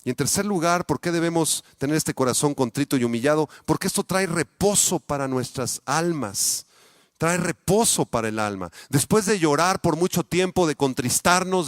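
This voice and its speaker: A man with a Mexican accent, a pastor delivering a sermon, speaking straight to his congregation with many rhetorical questions, his voice swinging between loud peaks and quiet, low asides. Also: no echo. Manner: addresses the congregation directly with frequent rhetorical questions.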